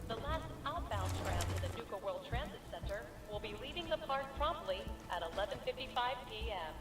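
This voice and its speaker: A woman voicing a polite female theme park announcer in a game, heard over an outdoor loudspeaker with a polished, courteous delivery. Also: on the high side, animated, a little fast. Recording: echoey loudspeaker from far off, loud music.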